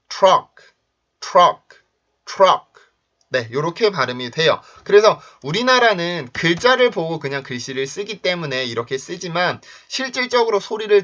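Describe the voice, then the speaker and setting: Bright-voiced man teaching pronunciation. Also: a little high. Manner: clear, punchy repeated English word drills between explanations. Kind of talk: video lesson, explaining and demonstrating. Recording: dull lo-fi recording.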